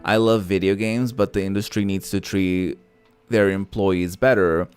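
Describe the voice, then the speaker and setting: A man speaks in a low-pitched, steady, darkish voice, a little slow, clear and resonant. A native Portuguese speaker and gaming content creator, he streams a visual novel with casual, sassy commentary, opinionated and profane, against background music.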